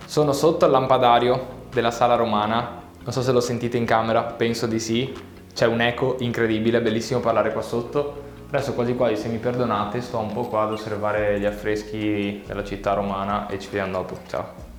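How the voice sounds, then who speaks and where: A man hosting a video tour speaks casually and in a relaxed way, standing under a chandelier in a large frescoed hall with a big echo. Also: medium pitch, a little fast. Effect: big echoing hall reverb under a chandelier. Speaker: local video host giving a tour. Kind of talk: casual walk-through chat. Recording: echoey large hall, background music.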